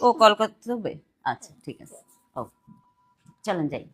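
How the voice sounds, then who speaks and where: A woman's voice: medium pitch, sing-song, unhurried, a bit bright, husky. Young woman, casual vlog host talking to her son. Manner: chatty, coaxing her son with short questions. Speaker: vlogger and mother. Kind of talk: casual family vlog narration.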